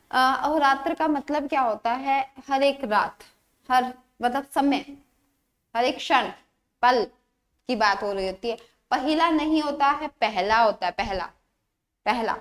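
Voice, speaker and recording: A woman with a high, bright voice teaches an exam-prep grammar lesson. She explains patiently, says each word several times and asks the listener rhetorical questions as she goes.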